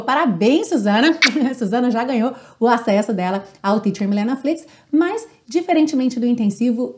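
A young Brazilian woman with a fairly high voice gives an online English lesson. She sounds lively and encouraging, and she slows down carefully to model English phrases for her students. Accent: Brazilian Portuguese. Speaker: English teacher.

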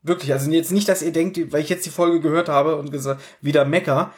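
A man's voice: fairly high pitch, fairly even intonation, a little fast. A man co-hosting a podcast, chatting casually and jokingly with strong opinions about a radio play. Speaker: podcast co-host.

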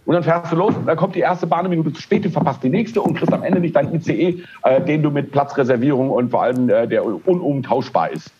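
A man's voice: a little high, fast talker, hardly any pauses, husky, muffled recording. A man co-hosting a podcast, ranting animatedly in casual chat and often stumbling over his words. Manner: animated ranting, frequent hesitations. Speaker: podcast co-host.

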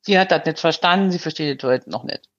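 A woman's voice: low voice, fast talker, muffled recording. A woman in her fifties calling in, telling a personal story in casual chat with many hesitations. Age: 50s. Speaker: caller.

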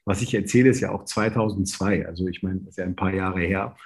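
A man in his late thirties from Berlin with a low, gravelly voice and a husky edge. He tells his anecdote in a loose, conversational way and slips into the voices of the people he quotes. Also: fast talker. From Berlin, Germany. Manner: lively anecdotes, acting out quoted dialogue. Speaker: interview guest, sales business leader. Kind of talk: casual storytelling in conversation.

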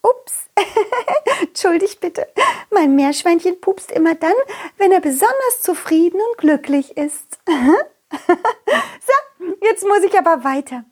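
A woman voicing a cheerful, giggly young princess in a children's story, in a high, sing-song voice. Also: lively intonation, takes it slowly, pauses often, full character voice. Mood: bubbly.

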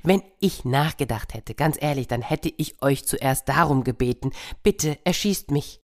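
A woman voicing a boastful, tricky male hare in a told fairy tale, shrill and loud. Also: expressive, measured pace. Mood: mock pleading. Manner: shrill, pleading and cocky.

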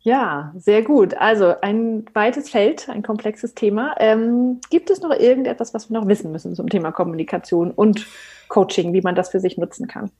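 A woman hosting a relaxed podcast chat. her voice is a little husky and breathy. she asks questions and thinks out loud, restarting sentences and pausing on fillers as she goes. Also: mid-range voice. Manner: hesitant, many fillers. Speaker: podcast host. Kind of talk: conversational interview.

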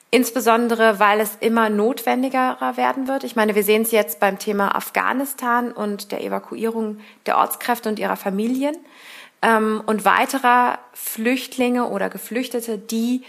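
A woman politician answering interview questions in an earnest, thoughtful way, pausing often with fillers. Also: on the high side, fairly bright tone.

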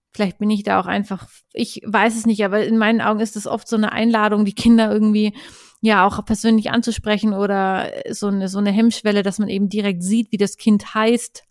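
A woman's voice: mid-range voice, level tone, brisk, no room sound. Earnest woman podcaster, dry sound. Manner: earnest, hesitant, many restarts. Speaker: podcast host. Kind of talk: casual solo podcast talk.

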